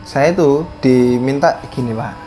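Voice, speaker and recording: A man's voice: mid-range voice, measured pace, dark tone, faint music behind. A man, a guest telling a story in casual talk, hesitant and full of fillers and restarts.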